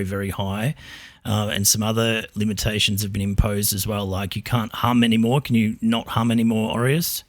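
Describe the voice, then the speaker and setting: Low-voiced male podcast host, dry sound. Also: no room sound. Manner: relaxed, probing, with frequent ums. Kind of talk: casual tech podcast chat.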